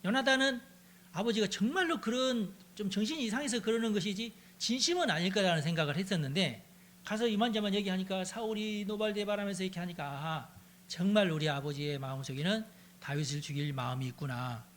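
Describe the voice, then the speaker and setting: A pastor teaching a Bible study, retelling the story in a lively, conversational way and acting out the characters as he goes. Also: sits high, fast, slight background noise. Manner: animated, acts out the characters in the story.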